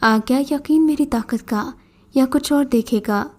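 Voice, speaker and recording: A woman storyteller reads the part of a scornful old jinn disguised as a beggar, mocking, bossy and commanding. Her voice sits fairly high and mellow, with a steady tone and light acting, like a storybook read aloud.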